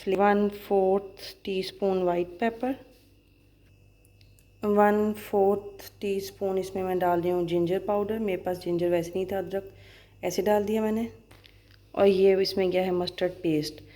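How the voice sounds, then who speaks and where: A woman in her thirties from Pakistan with a Pakistani Urdu accent, chatting fast and cheerfully in a casual vlog, then walking through a recipe at home. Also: medium pitch, level tone, mellow. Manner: fast-talking, chatty, laughs easily. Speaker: vlogger and schoolteacher. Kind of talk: casual vlog chat and cooking demo.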